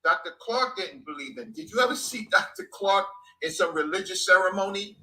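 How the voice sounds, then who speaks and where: A man's voice: sits high, lively intonation, fairly quick, pushed and bright, rough recording. A man in his fifties speaking passionately in conversation, stressing points by repeating phrases. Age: 50s. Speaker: guest speaker.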